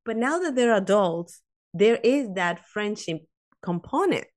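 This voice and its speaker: Chatting as a guest on a podcast, a non-native English speaker in her 50s tells stories animatedly, often restarting and wandering into asides while saying "you know" a lot. Her mid-range voice is unhurried in this casual interview.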